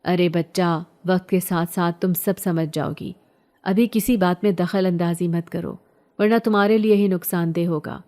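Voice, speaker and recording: A woman voicing an older male holy man who speaks in slow, authoritative, cryptic warnings. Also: lowish voice, fairly even intonation, dark tone, close to an everyday voice. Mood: stern.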